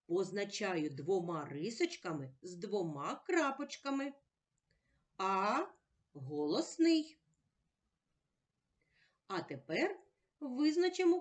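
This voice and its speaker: A woman leads a special-education lesson at a very slow, deliberate pace, patiently sounding out each word one at a time. Her pitch rises and falls widely as she coaxes the class along in a drawn-out way.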